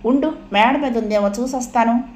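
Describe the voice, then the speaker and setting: A woman's voice: fairly high pitch, moderate pace, echoey room, slight background noise, pitched above the performer's own voice, lightly acted. A woman voicing a cheerful, affectionate young wife. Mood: eager. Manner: bright and eager.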